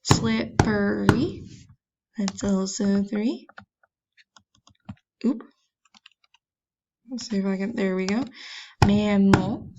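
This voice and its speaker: A woman's voice: medium pitch, steady tone, slow, long pauses, lo-fi sound, very noisy. A woman teacher giving a virtual classroom lesson, patiently sounding words out and making chatty, self-deprecating asides. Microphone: computer mic.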